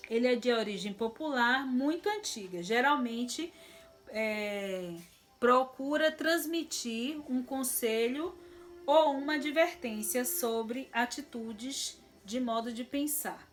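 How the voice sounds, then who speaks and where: A woman's voice: fairly high pitch, faint music behind. A woman with a Brazilian Portuguese accent teaching a recorded lesson, explaining patiently and checking in with her pupils often. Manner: slow, patient explaining with frequent check-ins.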